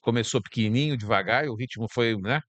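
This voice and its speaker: A man from Brazil, a podcast guest on a bar stage, talking in a calm, reflective and spiritual way and often repeating words while he searches for them. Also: medium pitch, fast, dry recording, dull audio. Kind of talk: casual chat.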